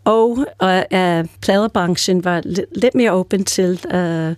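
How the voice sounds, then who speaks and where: A woman's voice: lowish voice, a little mellow, no echo, clean studio sound. An older woman from the United States with an American accent, chatting as a guest and telling stories with many fillers and restarts. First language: English. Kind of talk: casual chat.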